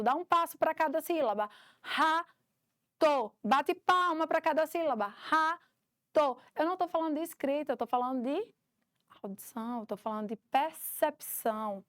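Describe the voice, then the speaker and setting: A woman's voice: high-pitched, fairly quick, no room sound, studio quality. A woman giving a recorded course lesson for teachers, explaining step by step and acting out classroom examples. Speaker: teacher trainer.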